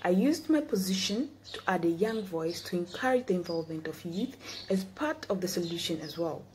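Through a laptop webcam on a video call, a Tanzanian woman in her twenties addresses a youth forum from an indoor room, reading her earnest, measured speech from notes. Her mid-range voice has a darkish tone, with a little hiss or hum in the audio.

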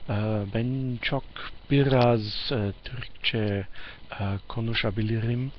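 A man who is a non-native beginner with a foreign accent, practicing simple phrases haltingly and searching for words. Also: mid-range voice, steady tone. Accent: foreign, non-native Turkish. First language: not Turkish. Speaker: language learner. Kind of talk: beginner language practice to camera. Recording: muffled lo-fi audio, faint noise.

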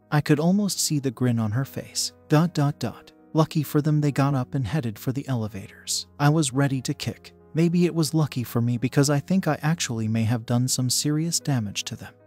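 A man reading a first-person relationship story in a plain, steady voice, spelling out swear words instead of saying them. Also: mid-range voice, moderate pace, few pauses, faint music behind. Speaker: story narrator.

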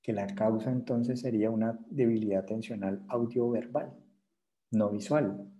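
Colombian male lecturer, very dark mellow tone, insistent and repetitive, keeps checking the class understands. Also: fairly low pitch, fairly even intonation, moderate pace, rough recording. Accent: Colombian Spanish. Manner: insistent, repeats points, asks "¿sí?" and "¿vale?" to check understanding. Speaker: university lecturer.

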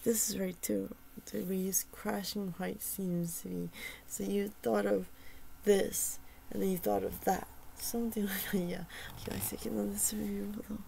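Soft, creaky-voiced woman musing aloud. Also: mid-range voice, slight background noise, rough recording. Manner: soft-spoken, often dropping to a whisper; hesitant, with many fillers and repeated starts. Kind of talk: casual chat about a poem and its translation.

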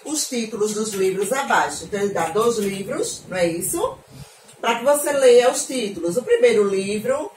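Patient Brazilian teacher in an echoey room. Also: female voice, fairly high pitch. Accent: Brazilian Portuguese. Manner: patient, slow, repeats and spells things out for kids. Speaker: primary school teacher. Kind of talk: recorded homework explanation for children. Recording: echoey room, voice from a distance, faint noise.

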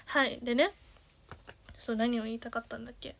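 A young woman in her twenties with a naturally nasal voice, chatting casually as a singer and streamer, with lots of fillers and the odd soft half-whisper. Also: a little high, steady tone, fairly quick, gravelly. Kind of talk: casual chat.

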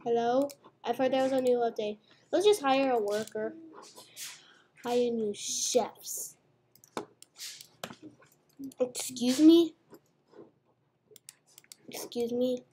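Mouse clicks and faint background noise accompany a young girl playing a restaurant game at home. Her woman's voice is on the high side and dark in tone, slow and full of long pauses, as she playfully chats through each of her moves in casual gamer fashion.

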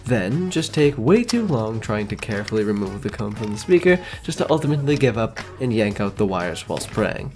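A man's voice: fairly low pitch, big pitch swings, a little fast, few pauses, a little mellow, soft background music. A man giving casual scripted narration as a video creator, with a wry, self-mocking manner. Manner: wry, self-mocking, mock-grandiose wording.

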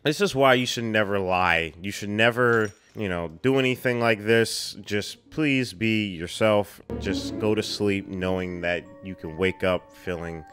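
A man's voice: fairly low pitch, measured pace, hardly any pauses, fairly bright tone, soft background music. A man hosting a film reaction, exclaiming, repeating himself and laughing often as he comments.

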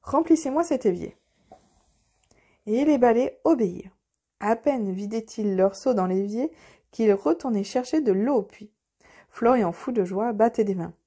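A woman narrating a children's audiobook in a gentle, expressive way. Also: medium pitch, moderate pace, husky. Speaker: storyteller.

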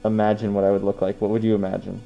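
A man in a fursuit chatting with strangers on a video chat, calm and dry with a teasing sense of humor. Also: on the low side, rapid-fire, vocal fry, lo-fi sound, faint music behind. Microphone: talking from inside a fursuit head.

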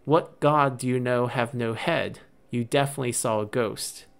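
A man's voice: medium pitch, moderate pace, vocal fry, fairly bright tone, smooth. A man doing a scolding village adult. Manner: dismissive, chiding.

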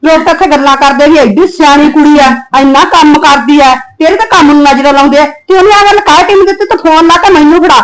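Actress as high-pitched fiery Punjabi mother, hot-tempered, protective, quick to curse. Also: lightly acted, poor audio. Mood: angry. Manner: abusive, fiercely protective, scolding. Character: fiery scolding Punjabi mother, middle-aged.

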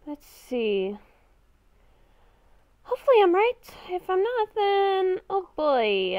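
A woman with a high-pitched voice, a gaming video creator, improvises in-character game roleplay, murmuring and exclaiming to herself. The recording is dry and lo-fi.

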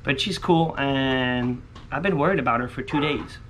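Casual man chatting over clear outdoor noise. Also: mid-range voice, normal speed, fairly bright tone, low-quality recording. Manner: repetitive, slangy, hopeful muttering. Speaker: vlogger scratching lottery tickets. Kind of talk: casual chat to viewers. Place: outdoors on a covered poolside patio.

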